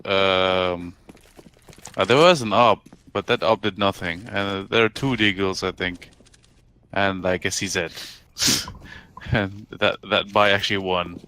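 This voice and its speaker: Man, esports analyst, lowish pitch, bright forceful tone, casual, halting delivery. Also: steady tone, clean tone.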